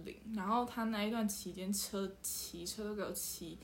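A woman's voice: mid-range voice, moderate pace. A woman, co-hosting a casual podcast and recounting events expressively. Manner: expressive, exclaims and laughs while recounting. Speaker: podcast co-host. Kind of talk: casual chat. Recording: roomy echo, faint background noise.

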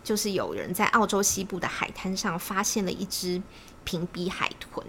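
Woman podcast co-host, gravelly tone, chatty storyteller, faint hiss behind. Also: medium pitch, sing-song, a bit bright. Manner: chatty storyteller, quick repeated agreement. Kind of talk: casual podcast chat.

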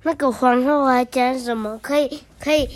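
A listener chatting with the reader about the pictures in the book. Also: female voice, high-pitched, steady tone, moderate pace. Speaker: child listener.

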